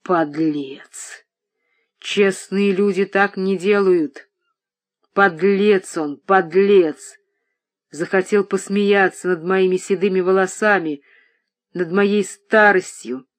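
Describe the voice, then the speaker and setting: Reader doing an old grey-haired dad in an audiobook, raging and groaning, slow heavy delivery. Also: medium pitch, natural voice. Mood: enraged. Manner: outbursts of shouting and moaning. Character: grey-haired old father, furious and grieving. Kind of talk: audiobook reading.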